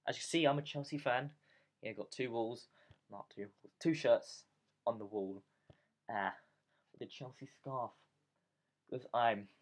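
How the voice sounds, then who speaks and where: A man hosting casual let's play commentary from his bedroom, rambling and self-mocking, often dropping to a whisper. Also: fairly low pitch. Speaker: gaming channel host. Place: bedroom at home. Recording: noisy home recording.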